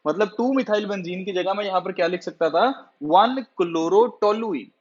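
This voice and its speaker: A man teaching a chemistry class in lecture style often poses questions to students and then answers them himself. He has a high voice and a moderate pace. The recording has a dull, lo-fi sound.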